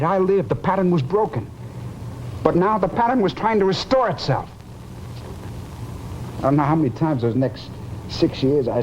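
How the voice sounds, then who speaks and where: A man's voice: a little high, dark tone, close to an everyday voice. An actor playing a haunted, guilt-ridden man confessing his fear of death, intense and brooding in the manner of 1950s television drama. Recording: muffled, noisy old television soundtrack.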